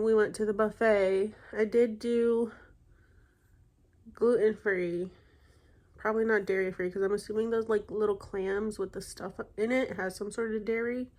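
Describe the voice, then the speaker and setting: Chatty, congested young woman vlogging. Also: medium pitch. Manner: rambling, chatty, many fillers and self-corrections. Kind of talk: casual chat.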